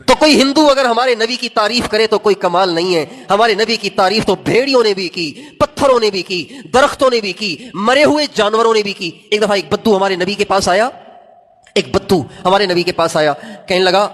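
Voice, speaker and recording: Preacher guy telling a sermon story, pretty high pitched, big echoey hall. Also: a bit bright. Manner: chants Arabic quotations slowly, speaks Urdu with emphatic repetition. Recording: long hall reverb.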